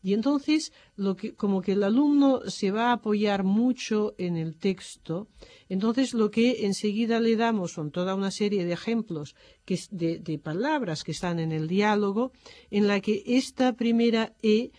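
Woman teacher, methodical explainer who pauses with fillers, warm low-key timbre. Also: no echo. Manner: methodical, often pausing on "eh" and "entonces". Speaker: French language teacher. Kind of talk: explanatory lecture.

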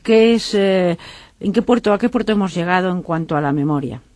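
A woman hosting a talk program, asking her guests questions slowly and searching for her words. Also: lowish voice, animated, a little mellow, dry recording. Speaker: host. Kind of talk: radio interview.

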